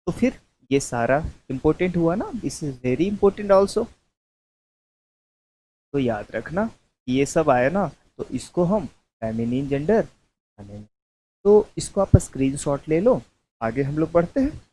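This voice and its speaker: Guy teaching grammar, dictates real slow, repeats every term, calls students babu. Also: fairly high pitch, sing-song, warm tone, slightly rough, poor audio. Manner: slow, repetitive dictation, mixing English terms into Hindi.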